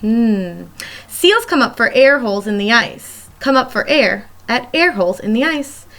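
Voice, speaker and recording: With an unhurried pace and lively intonation, this elementary school teacher explains a nonfiction children's book in simple terms, talking right to her young audience. Her voice is on the high side and fairly bright.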